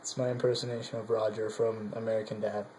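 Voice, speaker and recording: A man's voice: fairly low pitch, little pitch movement, quick pace. A young man chatting playfully with his girlfriend in his bedroom, joking and laughing as he talks. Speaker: boyfriend playing guitar. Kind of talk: casual joking chat. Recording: noisy home video.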